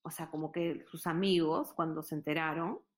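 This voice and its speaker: A woman's voice: low-pitched, steady tone, moderate pace. A Peruvian woman telling stories in a casual chat, earnest and full of fillers. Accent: Peruvian Spanish. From Peru. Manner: hesitant, many fillers, earnest storytelling.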